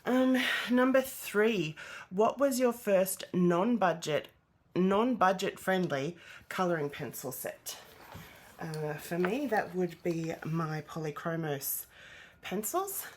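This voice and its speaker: A woman's voice: fairly low pitch, lively intonation, slow pace. A congested, nasal-sounding woman who is out of breath, chatting casually as host of a hobby channel. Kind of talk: casual vlog chat.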